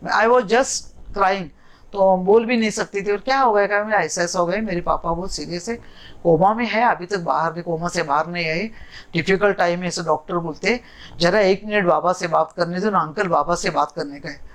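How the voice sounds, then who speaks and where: A woman's voice: lowish voice, normal speed, low-quality recording. A middle-aged woman sharing a personal devotional story in an emotional, casual way, moving between languages. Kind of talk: casual spoken testimony.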